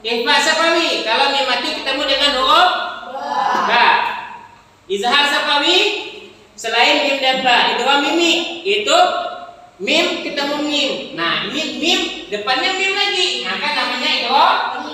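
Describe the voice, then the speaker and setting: A woman's voice: high-pitched, expressive, a little slow, pushed and bright. A woman teaching Quran recitation rules to students, patiently asking questions, counting beats aloud and chanting example verses. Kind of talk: tajweed lesson with students. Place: classroom with students. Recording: echoey room, far from the mic.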